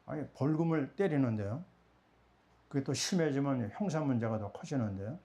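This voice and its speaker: A middle-aged pastor from Korea preaching a sermon, often asking rhetorical questions and answering them himself. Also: male voice, medium pitch, lively intonation, normal speed, mellow.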